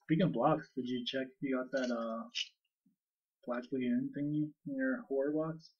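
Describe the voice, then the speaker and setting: Husky teasing man, distant podcast mic. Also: mid-range voice, fairly even intonation, normal speed, lo-fi sound. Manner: teasing, joking banter. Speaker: podcast co-host. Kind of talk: casual chat.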